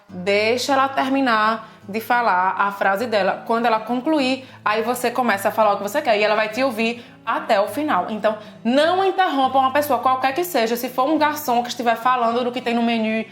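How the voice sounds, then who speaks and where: A Brazilian woman with a Brazilian Portuguese accent, explaining customs in a casual video lesson with lively examples. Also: fairly high pitch, fairly quick. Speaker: language teacher and co-host. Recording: echoey room with faint music.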